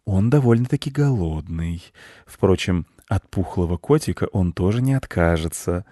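A man's voice: low voice, lively intonation, normal speed, mellow, no echo, clean studio sound. A man doing a sly, insinuating fox. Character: cunning, insinuating male fox. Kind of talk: audiobook character voice.

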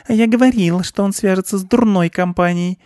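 A man voicing a bossy, scolding big female shrew with a shrill manner. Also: brisk, a little mellow, no echo, studio quality, lightly acted.

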